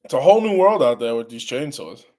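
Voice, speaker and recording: Stuffy-nosed guy chatting on his live stream, halting, keeps restarting, mid-pitched voice. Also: big pitch swings, a little mellow. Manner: rambling, halting, many restarts. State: congested. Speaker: channel host answering live chat. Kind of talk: casual live stream chat.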